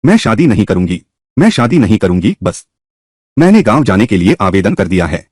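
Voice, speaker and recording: A man's voice: fairly low pitch, very animated, brisk, darkish tone, dry recording. A man voicing a whiny spoiled young woman. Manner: pleading and whiny. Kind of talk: dubbed drama voicing.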